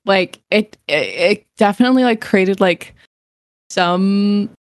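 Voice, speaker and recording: A woman's voice: medium pitch, animated, takes it slowly, no room sound, studio quality. A woman from New England, a guest in a casual interview, talking in a chatty, rambling way full of "like".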